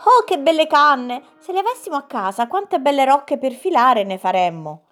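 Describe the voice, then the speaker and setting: An eager, proud young princess from a storybook, bold and quick to exclaim, put on by a woman reading aloud. Her voice rides high and swings widely, with faint music underneath. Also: very animated. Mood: delighted.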